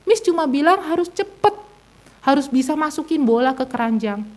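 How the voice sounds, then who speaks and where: A woman's voice: lively intonation, normal speed, darkish tone. Woman doing a tearful, stubborn little child. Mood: upset insistent. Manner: high, tearful, stubborn protest. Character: upset insistent five-year-old child.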